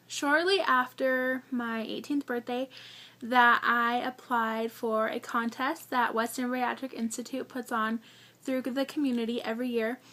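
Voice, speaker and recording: A woman's voice: fairly high pitch, a bit bright. A young adult woman telling her own story in a casual, chatty vlog, full of fillers and restarts. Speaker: vlogger.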